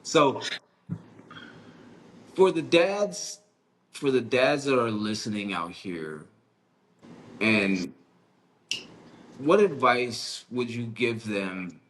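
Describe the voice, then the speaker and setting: A man's voice: mid-range voice, very animated, very slow, pauses often, a bit bright. A man hosting a podcast interview in a casual, slangy way, often repeating words and restarting his sentences. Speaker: podcast host.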